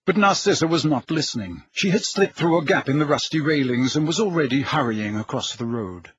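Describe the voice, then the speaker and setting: A man narrating an audiobook in a measured, dramatic storytelling manner with a husky voice. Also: fairly high pitch, animated, a bit bright, no echo. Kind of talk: scripted narration. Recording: dull lo-fi recording.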